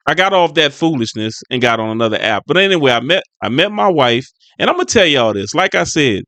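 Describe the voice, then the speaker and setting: Middle-aged new guy reacting to clips, slightly high voice, dry sound, repeats himself a lot. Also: fairly bright tone, dry recording. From New Orleans, Louisiana. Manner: repetitive, folksy, preachy about faith. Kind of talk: casual commentary.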